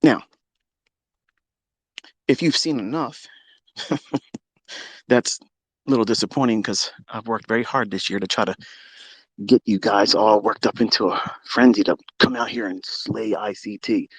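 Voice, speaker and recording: A man ranting as a trading mentor on a live audio call, boastful and full of swearing, taunting his challengers and swinging between loud jabs and low asides. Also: a little slow, pauses often, slightly rough. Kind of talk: combative live-audio rant.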